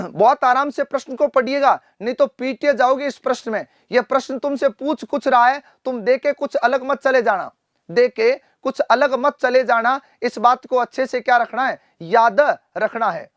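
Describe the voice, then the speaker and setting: A male teacher runs a live online class, quizzing students, repeating each answer and calling them "beta". He clears his throat often. The sound is close and dry. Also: very high-pitched, normal speed, dry recording. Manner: addresses students fondly as "beta". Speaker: Hindi teacher.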